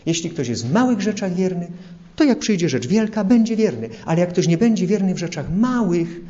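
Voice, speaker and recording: A man's voice: high-pitched, very animated, a little fast, warm tone, muffled recording. A man preaching an earnest sermon, illustrating his points with everyday examples. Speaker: priest.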